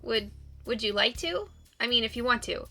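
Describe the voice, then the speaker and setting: A woman acts out a shy, anxious young woman in a visual novel game. Her voice is bright and tense, and she speaks hesitantly and awkwardly. Music plays faintly behind her. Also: on the high side, lively intonation, moderate pace, gravelly, full character voice. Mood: flustered. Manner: nervous, hesitant, stammering.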